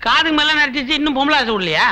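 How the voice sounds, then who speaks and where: A man's voice: extremely high pitch, expressive, racing, sharp tone, a little hiss or hum. A man acting in a Tamil film comedy scene, cheeky and wisecracking.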